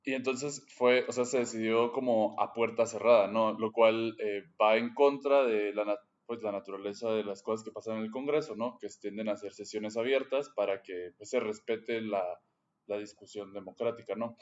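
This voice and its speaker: A man's voice: lowish voice, normal speed. Guatemalan man hosting, slightly dull sound. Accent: Guatemalan Spanish. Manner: relaxed, hesitant, tags phrases with ¿no?. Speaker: podcast host. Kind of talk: casual podcast chat.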